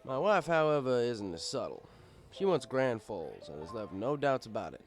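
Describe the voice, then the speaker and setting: A man voices a fatherly male pony bartender narrating his own audiobook tale in the first person. He sounds easygoing, wry and reflective, unhurried and conversational at a middle pitch with a sing-song lilt, and faint music plays behind him.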